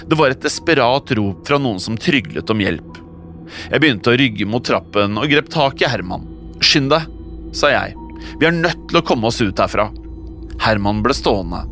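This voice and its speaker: A man narrating a scary story in the first person, in a measured, suspenseful scripted telling. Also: fairly low pitch, a bit bright. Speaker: podcast narrator.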